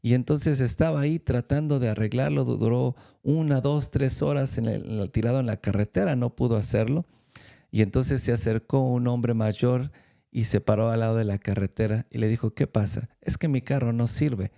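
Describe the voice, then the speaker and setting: Gravelly dark-voiced man preaching. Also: mid-range voice. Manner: storytelling with many pauses and restarts. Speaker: church speaker. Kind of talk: faith-based storytelling talk.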